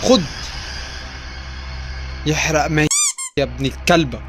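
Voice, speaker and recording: A young man with an Egyptian accent joking and swearing through a horror game, shouting when scared. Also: fairly high pitch, measured pace. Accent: Egyptian Arabic. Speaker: gaming YouTuber. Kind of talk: let's play commentary. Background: loud game music.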